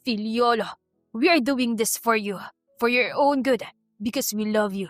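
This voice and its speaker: A woman voicing a calm, authoritative father in a storybook reading. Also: a little high, measured pace, no echo, faint music behind, natural voice. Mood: pleading. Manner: calm, firm.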